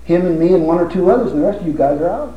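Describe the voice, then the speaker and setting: A man's voice: high voice, lively intonation, very fast, dull audio. An older man preaching a sermon with impassioned rhetorical questions and humorous stories. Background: audience laughter.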